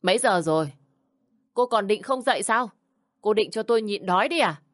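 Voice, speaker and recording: A woman's voice: medium pitch, animated, moderate pace, a bit bright, no room sound, studio quality, voice pushed up, natural voice. A woman voicing a bossy, contemptuous older mother-in-law who scolds and sneers. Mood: ranting.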